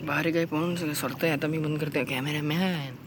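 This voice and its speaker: A man's voice: a little high, fairly even intonation, a little fast, noisy background. A man vlogging casually outdoors while checking crab nets by the water, chatting to viewers and pointing things out as he films on a phone.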